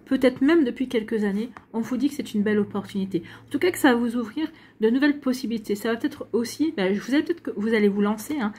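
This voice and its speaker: This French woman, an astrology and tarot reader, has a slightly high, fast voice that's a little mellow with a breathy edge, and she barely pauses. She has hiccups while giving her viewers a casual, rambling astrology reading packed with restarts and reassurance.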